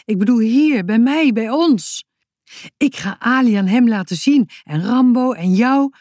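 Woman doing a young boy, excitable, insistent, a bit raised, children's story. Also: fairly high pitch, unhurried, no room sound, clean studio sound, voice pushed up. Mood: eager. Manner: urgent, insistent.

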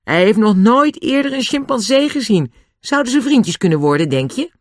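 A reader voicing a bold, eager tomboyish girl in a storybook, lifting the voice high for her. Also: huge pitch swings, normal speed, dry recording, studio quality.

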